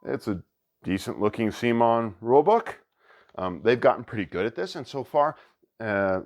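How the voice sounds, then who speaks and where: A man hosting a board game channel, chatting excitedly as he unboxes a new game and thinks aloud. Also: fairly low pitch. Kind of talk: casual unboxing commentary.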